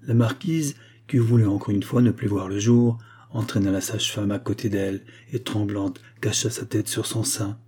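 A man narrating a classic novel aloud in a measured, even storytelling manner. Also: lowish voice, slightly rough. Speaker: audiobook narrator. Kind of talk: scripted literary narration.

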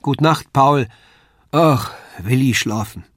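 A man's voice: mid-range voice, takes it slowly, no echo, studio quality. A man voicing a small puppeteer's daughter who speaks in a storybook. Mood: sleepy. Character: small sleepy puppeteer's girl with a dialect.

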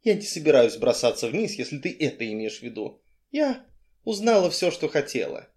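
A male reader voicing a reckless, fiery young woman who shouts and demands the truth. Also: a little high, big pitch swings, normal speed. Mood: cool, curt.

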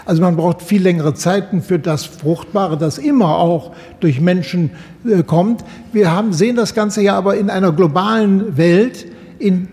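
A man talks in long, winding, academic sentences on a radio panel. His voice sits high and sounds soft and mellow. A long reverb hangs on every phrase. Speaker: panel guest.

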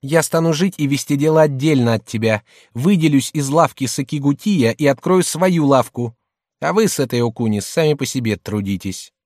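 Audiobook: man plays a shrill, scornful middle-aged merchant's wife, loud and hectoring. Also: lively intonation, normal speed, no echo, clean studio sound, natural voice.

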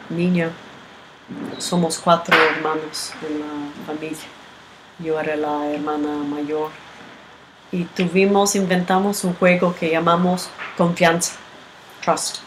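Give me a woman giving a slow, thoughtful group talk, her voice set against steady background noise. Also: low voice. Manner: unhurried, halting, often ends with a questioning tag. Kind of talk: reflective teaching talk with a personal story.

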